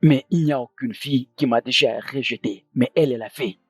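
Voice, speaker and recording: A man's voice: mid-range voice, brisk, husky, no echo, lightly acted. A man dubbing an arrogant, spoiled young prince who talks in a haughty, dismissive way, over faint film music. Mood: scornful. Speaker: dubbing actor. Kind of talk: dubbed film acting.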